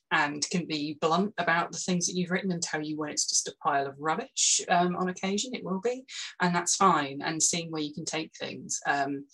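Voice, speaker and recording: A woman appearing as a podcast guest who talks casually and haltingly, with many fillers and occasional giggles. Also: low voice, a bit bright, poor audio. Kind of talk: casual chat.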